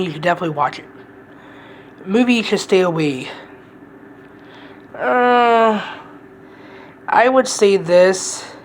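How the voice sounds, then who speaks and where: A woman's voice: medium pitch, slight background noise, poor audio. A woman giving a casual, rambling movie review, blunt and profane, often restarting her sentences.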